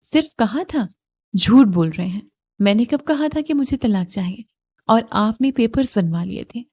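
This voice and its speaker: Using her natural, medium-pitched voice, a woman performs an audio-novel role: a hurt, obstinate young wife answering with cutting reproaches.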